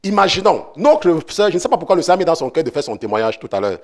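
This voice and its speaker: A man's voice: on the high side, very animated, racing. A pastor preaching a sermon, repeating his points for emphasis and acting out a phone conversation. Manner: preaching with emphatic repetitions, acts out a phone call. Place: church or online study.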